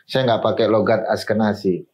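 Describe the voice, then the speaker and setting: A man's voice: fairly low pitch, steady tone, moderate pace, a little mellow. Man, interview guest, explanatory, roomy echo. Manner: explanatory, peppers speech with Hebrew and English terms.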